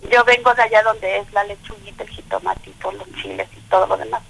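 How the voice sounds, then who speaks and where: Fast and steady, this middle-aged Mexico City woman's mid-range voice is gravelly and a bit bright with a breathy edge. A small business owner, she chats through her story on a casual phone interview in a Mexican Spanish accent, with lots of fillers and laughter, over a rough telephone recording.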